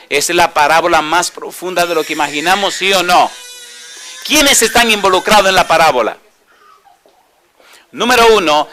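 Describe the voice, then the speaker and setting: A man preaching with a bright, forceful, somewhat high voice. He keeps asking his listeners questions and answers them himself. When he reads scripture, he slows down and gives each word weight. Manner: reads scripture slowly and deliberately. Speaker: pastor. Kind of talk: sermon.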